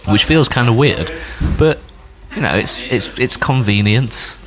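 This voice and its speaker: A man's voice: medium pitch, measured pace, crowd noise. A man co-hosting a podcast in casual chat, with self-mocking, playful wordplay. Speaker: podcast co-host.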